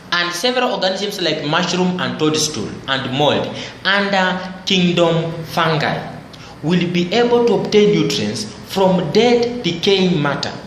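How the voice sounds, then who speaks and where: A man's voice: on the high side, fairly bright tone. A man with a slightly raised voice lectures on biology and goes over each point twice. His voice rings in a very echoey room. A faint hiss runs behind him. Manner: repetitive explanatory teaching, phrases restated for emphasis. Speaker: teacher.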